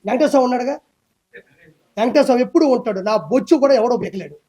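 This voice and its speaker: A man, ranting loudly and emphatically as a guest in a heated political interview. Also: extremely high pitch, fast talker, slightly rough. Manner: loud, emphatic, repetitive ranting.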